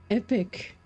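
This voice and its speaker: This woman has a high, husky voice and streams live game commentary in a loose, joking way into a microphone. Faint game music plays behind her.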